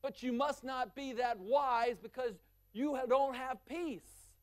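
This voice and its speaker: Speaking slowly, a male preacher works through his sermon, stacking up long lists for power and lowering his voice to a hush for the points that matter most.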